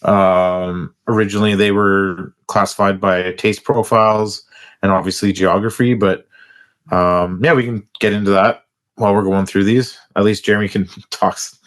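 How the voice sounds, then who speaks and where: A man with a fairly low voice co-hosting a casual chat podcast. He speaks in a relaxed, measured way and slips in some dry humor. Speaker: podcast co-host.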